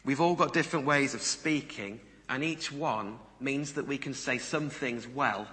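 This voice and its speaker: Before a congregation in a large reverberant room, a man preaches in a strikingly bright, forward, mid-pitched voice. His unhurried sermon is conversational, often turning to listeners with rhetorical questions, and the sound carries a hall's long reverb.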